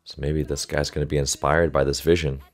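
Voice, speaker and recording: Thinking aloud into a close desktop USB microphone, a reaction video host who is also a volleyball coach gives casual commentary. His voice is very deep and flat, and he speaks fairly quickly.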